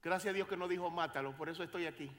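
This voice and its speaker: A male pastor preaches a sermon in church, swinging between quiet passages and loud dramatic exclamations. His voice is fairly high-pitched and rapid-fire.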